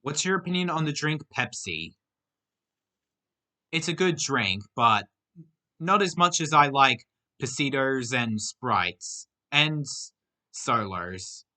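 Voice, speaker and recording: Bright, lively young man. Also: medium pitch, takes it slowly. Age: young adult. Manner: reads out questions, then gives short plain answers. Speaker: channel host answering viewer questions. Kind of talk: casual Q&A monologue.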